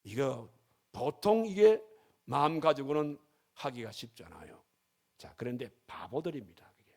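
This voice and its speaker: A man's voice: medium pitch, sing-song, unhurried, a little mellow. A man preaching a sermon as pastor, emphatic, with his voice climbing and falling sharply.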